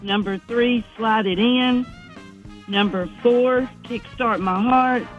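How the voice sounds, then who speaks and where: A woman calling in to a radio contest from her car over a clipped phone line, counting items off one by one with excitement. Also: on the high side, slow pace, faint music behind. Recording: dull lo-fi phone call audio.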